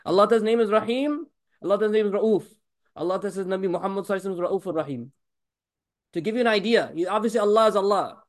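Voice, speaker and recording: A male religious teacher gives a talk at a breakneck pace. His voice sits high, and he presses his points with rhetorical questions and repeated blessings. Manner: rapid, emphatic preaching with blessings on the Prophet woven in.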